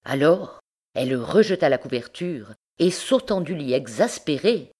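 A woman narrating a literary story in a measured, expressive way. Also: sits low, slightly rough. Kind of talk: audiobook narration.

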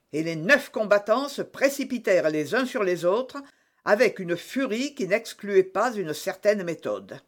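A man narrating an adventure audiobook with expressive, dramatic storytelling. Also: high-pitched.

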